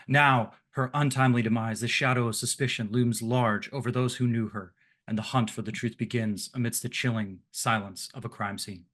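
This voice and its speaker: A man's voice: medium pitch, fairly even intonation, normal speed, a bit bright, natural voice. A man doing a formal police captain, mock Russian accent. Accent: put-on Russian. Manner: formal, courteous letter-reading. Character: formal male police captain writing to a detective.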